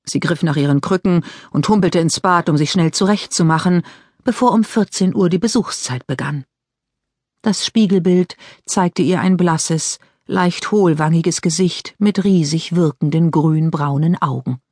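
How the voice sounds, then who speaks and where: A woman narrating an audiobook in a measured, even scripted reading. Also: lowish voice, dry recording, studio quality.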